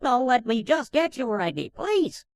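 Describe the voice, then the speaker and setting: A friendly purple creature at the front desk, voiced by a male narrator chirps out polite help in a high, squeaky voice. His tone is light and helpful. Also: big pitch swings, a little slow, gravelly, exaggerated voice. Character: purple many-armed male receptionist, friendly.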